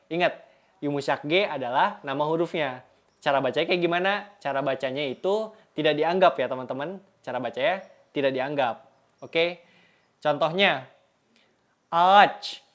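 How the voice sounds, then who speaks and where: A young man from Indonesia teaching the Turkish alphabet, saying each letter and example word several times and checking in with "Oke?". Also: on the high side. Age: young adult. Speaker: Turkish language tutor. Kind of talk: language lesson.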